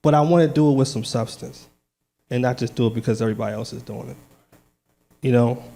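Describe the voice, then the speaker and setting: Man, church testimony, earnest, casual, mid-pitched. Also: quick pace, gravelly, dark tone. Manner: casual, earnest, laughs often; nervous at first, then firm and declaring. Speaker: lay speaker giving testimony. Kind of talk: church testimony and short sermon.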